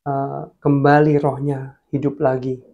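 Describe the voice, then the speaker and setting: A man preaching a sermon, telling a personal testimony in an earnest way and often dropping to a hushed voice. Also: medium pitch, level tone, measured pace, vocal fry, muffled recording. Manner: earnest, addresses listeners as guys, drops to hushed tones.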